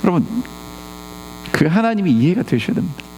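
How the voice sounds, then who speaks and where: Male pastor in a church, high lively voice, lots of reverb, keeps asking the room questions. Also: fairly quick, a little hiss or hum. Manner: animated, peppers the congregation with rhetorical questions. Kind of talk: sermon. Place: church sanctuary.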